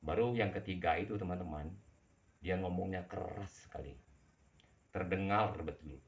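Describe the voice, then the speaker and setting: A man with a very deep voice tells a horror story from his own life, speaking to his listeners like friends. He restarts and repeats words as he goes. The recording sounds dull and lo-fi. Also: normal speed. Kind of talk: first-person horror storytelling.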